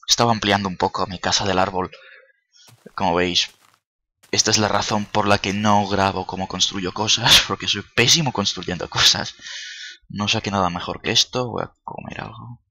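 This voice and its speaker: A man chatting through a video game. His voice sits low and gravelly but comes out bright and forward. He curses offhandedly and coaxes quietly, close to a whisper. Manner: playful, swearing, coaxing with soft near-whispers. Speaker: gaming YouTuber. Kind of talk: casual gameplay commentary.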